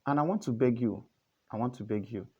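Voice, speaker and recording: Earnest male tutor, repetitive and coaxing, warm dark tone on a dull lo-fi recording. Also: mid-range voice, fairly quick, slightly rough. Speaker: trading tutor. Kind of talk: casual screen tutorial.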